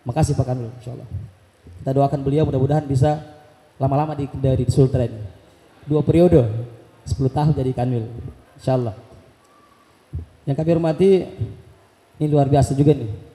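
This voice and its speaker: A man leading an Islamic boarding school gives a ceremonial welcome speech in a mosque, fervently leading takbir chants and retelling conversations with animated energy. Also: medium pitch, brisk, pauses often. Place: large mosque hall. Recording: echoey PA sound in a big hall.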